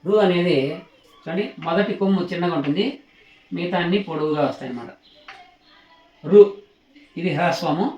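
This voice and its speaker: A male teacher giving a slow alphabet lesson, patiently repeating each sound and stopping to ask his learners questions while he writes. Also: a little high, darkish tone. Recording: roomy echo.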